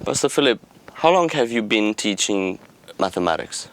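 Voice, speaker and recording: A male interviewer asks measured, probing questions. His voice is low, smooth and resonant. The sound is dry and close. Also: lively intonation, a bit bright, dry recording.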